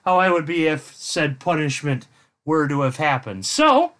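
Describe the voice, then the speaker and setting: High, bright-voiced male podcast host. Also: sing-song, unhurried. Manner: rambling, jokey, goes off on tangents. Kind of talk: casual chat.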